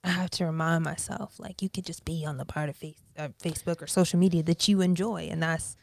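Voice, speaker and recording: A woman in her twenties, a guest artist chatting on a podcast, talking in an animated way and sometimes dropping into a whisper. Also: low voice, brisk, gravelly, dry recording. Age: 20s. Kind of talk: casual podcast conversation.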